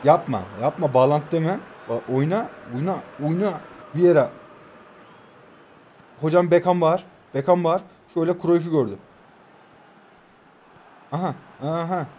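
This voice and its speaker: A man's voice: a little high, a little slow, long pauses, a little hiss or hum. A man in his twenties commentating his own mobile football match, calling out player names and chatting to viewers, holding his voice down at night in his new home. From Turkey. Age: 20s. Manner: excitable, shouts player names, talks to viewers. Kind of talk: live gameplay commentary.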